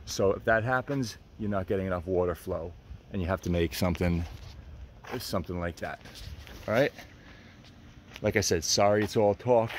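A man's voice: deep voice, normal speed, pauses often, a little mellow, slight background noise. A man in his fifties explaining a do-it-yourself fix in a casual, rambling way, often repeating words, filmed outdoors in a driveway on a handheld phone. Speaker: DIY video maker. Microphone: phone camera held by hand.

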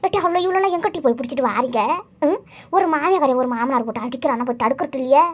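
A woman doing a high, nosy gossiping neighbor. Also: racing, close to an everyday voice. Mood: prying. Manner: prying, gossipy. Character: nosy middle-aged village neighbor woman. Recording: dull lo-fi recording.

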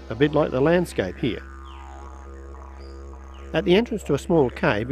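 Travelogue presenter, male, Australian, scripted narration in a higher register over background music. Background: music under voice-over.

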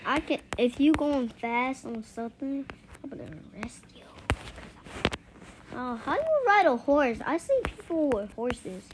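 A woman's voice: high voice, sing-song, normal speed, hardly any pauses. A woman chatting casually while playing a game, playful and making siren noises. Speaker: game player. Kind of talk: casual gameplay chat. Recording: loud background noise with game clicks.

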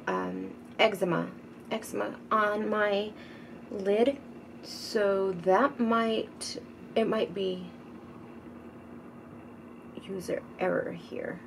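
A middle-aged woman chatting casually at home while doing her makeup, rambling and often sinking to a soft murmur. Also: medium pitch, steady tone, takes it slowly, gravelly, long pauses, rough recording. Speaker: beauty vlogger. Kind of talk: casual makeup tutorial chat. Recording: noticeable background noise. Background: teenager gaming loudly in the background.

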